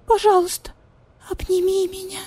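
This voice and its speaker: A woman voicing a capricious, pampered female Persian cat with a squeaky, pleading voice. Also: level tone, normal speed, darkish tone. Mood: whiny.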